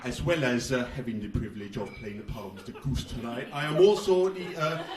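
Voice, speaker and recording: A man's voice: medium pitch, fairly quick, roomy sound, far from the mic, a crowd in the background, lightly acted. An actor with a put-on Danish accent playing a fussy male tourism officer who hesitates and addresses the audience on stage. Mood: earnest. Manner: hesitant, full of uhs, speaking to audience. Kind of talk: stage comedy monologue. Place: theatre stage.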